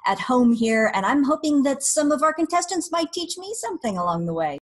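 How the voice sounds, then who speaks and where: A woman academic judging a trivia show, speaking in a friendly, measured way. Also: sits high, very animated. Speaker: judge, academic.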